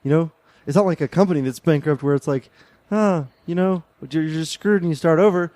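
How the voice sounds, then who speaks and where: A man's voice: a little high, fairly quick, warm tone, no room sound. A man in an improvised comedy scene, talking earnestly and rambling with many restarts.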